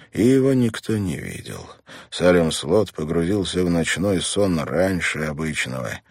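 A man narrating an audiobook in a measured, dramatic reading style. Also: sits low, a little mellow, husky, no echo, clean studio sound. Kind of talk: scripted narration.

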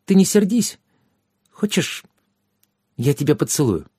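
A man's voice: on the high side, sing-song, a little slow, darkish tone, slightly rough, dry recording, clean studio sound, pitched above the performer's own voice, full character voice. A man doing a giggly tipsy little fairy girl. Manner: giggling, flighty and pushy.

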